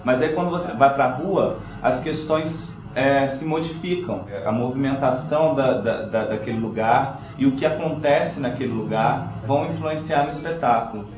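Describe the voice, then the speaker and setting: A man's voice: mid-range voice, normal speed, few pauses. Reflective young man, roomy sound. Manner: reflective, hesitant. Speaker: actor. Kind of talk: interview.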